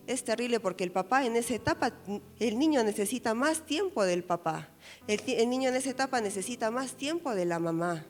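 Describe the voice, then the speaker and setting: A woman's voice: a little high, in a large hall. A woman pastor with a Peruvian Spanish accent giving a sermon on parenting, explaining patiently and often checking in with a questioning "right?". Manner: explanatory, asks "¿no?" after many phrases; acts out parents' words to children. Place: church.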